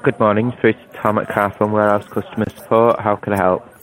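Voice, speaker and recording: Bloke on customer support call, lowish voice, talks fast, businesslike. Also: male voice, level tone, low-quality recording. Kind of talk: customer service phone call.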